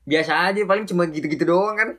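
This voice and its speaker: A young man, a student co-hosting a podcast, trading quick teasing banter. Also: high-pitched, sharp tone. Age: young adult. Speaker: podcast co-host. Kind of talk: casual chat.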